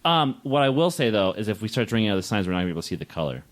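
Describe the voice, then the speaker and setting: A man's voice: fairly low pitch, sing-song, very fast. A man co-hosting a casual beer-tasting podcast, joking wryly and swearing offhandedly. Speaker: podcast co-host.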